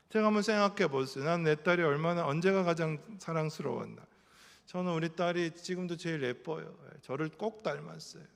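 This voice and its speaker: A man in his fifties delivers an impassioned sermon in a fairly high voice, carried by the long ringing reverb of a church sanctuary. He drops to near-hushed lines and then climbs back into loud repeated phrases. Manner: impassioned preaching, swinging between soft and loud; emphatic repetition. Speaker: pastor and counseling professor.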